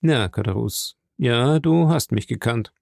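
A man's voice: medium pitch, lively intonation, creaky, darkish tone, no room sound, clean studio sound. A man reading a stern, solemn count. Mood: grave. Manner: slow, grave, measured. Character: stern solemn nobleman, calm and unforgiving.

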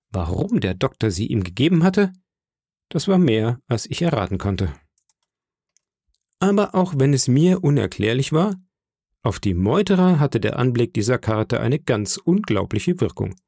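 A male audiobook narrator reads an adventure story in the first person. His delivery is expressive and his pitch swings widely. The recording is dry and close, with no room sound. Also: creaky, no room sound.

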